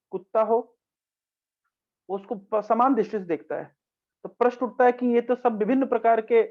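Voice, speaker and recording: Man telling a scripture story on a tinny line. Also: sits high. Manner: repetitive storytelling with quoted dialogue and Sanskrit verses. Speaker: spiritual teacher. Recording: tinny phone-like recording.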